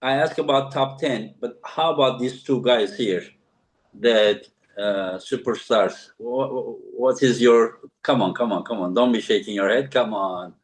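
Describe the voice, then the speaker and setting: A man's voice: mid-range voice, measured pace, poor audio. A man with a Turkish accent hosting a casual video-call chat, friendly and repeating himself as he restarts sentences. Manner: friendly, talks in repeats and restarts, laughs often. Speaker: host.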